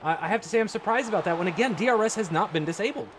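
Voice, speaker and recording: A man calling a live esports racing event as lead commentator, excitable and laughing often as he talks. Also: high-pitched, noisy background. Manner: excitable, laughs often, quick run-on phrasing.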